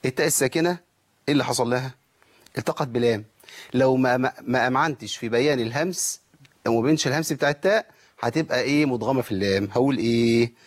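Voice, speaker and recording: A man with an Egyptian accent teaching a tajweed lesson, explaining pronunciation and stretching out words slowly to demonstrate. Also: medium pitch. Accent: Egyptian Arabic. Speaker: Quran recitation teacher.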